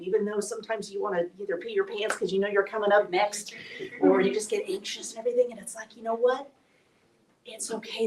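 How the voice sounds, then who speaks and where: A woman with a mid-range, slightly mellow voice opens up to a live audience about a personal, emotional experience at a speaker event. The event hall's echo is heard, as the recording was made from a distance.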